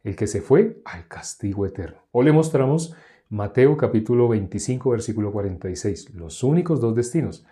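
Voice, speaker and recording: A man's voice: on the low side, expressive, normal speed, mellow. A male preacher giving a teaching sermon in a conversational way, acting out back-and-forth dialogues with the people he talks to. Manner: conversational, acts out dialogues with listeners.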